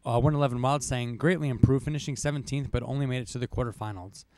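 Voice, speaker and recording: A man's voice: mid-range voice, quick pace, a little mellow, no room sound. A young man co-hosting a podcast, reading competition results from notes with casual asides and the odd cough. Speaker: co-host. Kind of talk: podcast rankings recap.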